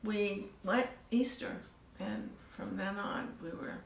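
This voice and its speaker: An older woman telling her story in a casual interview, soft-spoken and trailing off into near-whispers. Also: medium pitch, very animated, takes it slowly. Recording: echoey room, mic at a distance, faint ambience.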